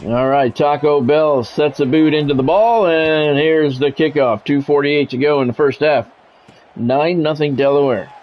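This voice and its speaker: Streaming a football video game, a man with a fairly high, unhurried voice calls the action live, blending clipped, practiced announcer lines with casual, offhand comments. The sound is dull and lo-fi, with faint background noise.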